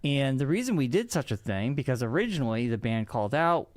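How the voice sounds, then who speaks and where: A man co-hosting a podcast in casual chat, animated and quick to laugh. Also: dry recording. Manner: animated, jumps in pitch when excited. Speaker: podcast co-host.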